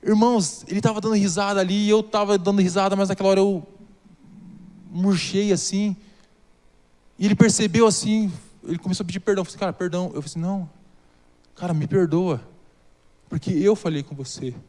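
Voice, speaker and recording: A man's voice: high voice, fairly even intonation, brisk, long pauses, a little mellow, big-room sound. A man preaching a sermon, telling a personal story and then building into fervent exhortation. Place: church hall.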